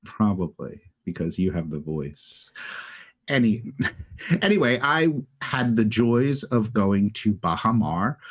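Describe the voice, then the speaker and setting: A man's voice: on the low side, very animated, slow. A man hosting a travel podcast in casual chat, often laughing as he talks. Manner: laughs often while talking. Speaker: podcast host.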